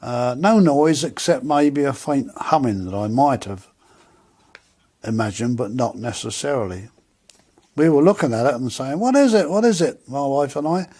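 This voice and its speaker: A man's voice: medium pitch, normal speed, slightly rough. Older man telling a story. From England. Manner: animated, acts out dialogue. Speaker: UFO contactee. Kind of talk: personal storytelling.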